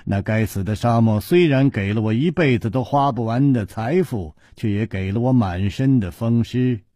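A man's voice: normal speed, mellow, no echo, clean studio sound, lightly acted. A man voicing a proud but crippled wealthy man who speaks with weary, bitter restraint. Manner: low, subdued, bitter wry tone.

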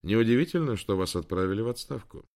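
A man's voice: fairly low pitch, animated, fast, darkish tone. A man voicing a brash young male rehab trainer with an Andalusian accent, talking in clipped, blunt phrases.

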